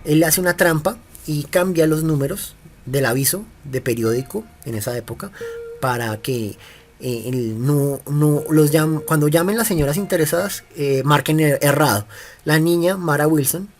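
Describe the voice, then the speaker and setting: Man rambling through a film recap. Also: fairly high pitch. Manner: meandering, halting retelling with frequent restarts. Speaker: film reviewer. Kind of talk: casual film commentary.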